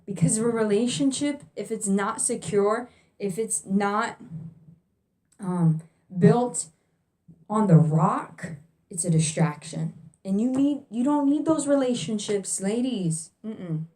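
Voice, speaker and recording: A woman's voice: medium pitch, animated, slow, darkish tone. A young woman vlogging faith advice to single viewers, casual and direct, repeating her key points.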